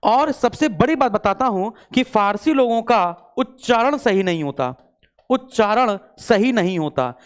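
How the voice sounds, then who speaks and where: A man's voice: sits high, animated, unhurried, clear, resonant tone. A male teacher giving an online exam-prep lecture, repeating each point and asking his students questions, mixing English words into his speech. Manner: repetitive call-and-response questioning.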